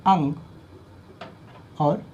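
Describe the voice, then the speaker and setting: A man's voice: very slow, dark tone, highs cut off, a little hiss or hum. Brief: male tutor for an exam-prep lesson, repetitive drilling style, poses questions then answers them himself. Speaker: teacher.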